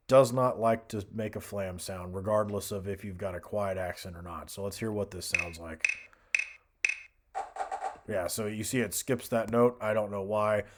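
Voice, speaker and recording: A man giving a casual software tutorial as an instructor, hesitant and thinking aloud as he goes. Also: fairly low pitch.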